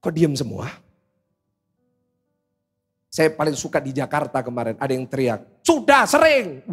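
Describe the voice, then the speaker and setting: A pastor preaching a humorous, storytelling sermon to a large church congregation, speaking directly to the listeners. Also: male voice, mid-range voice, normal speed, a little mellow, breathy edge, faint music behind.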